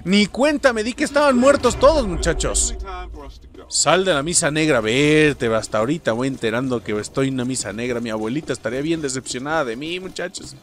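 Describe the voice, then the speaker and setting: Excitable Mexican gamer, high and animated. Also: male voice, fairly quick. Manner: excitable, jokey, yells at enemies. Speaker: gaming YouTuber. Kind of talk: let's play commentary.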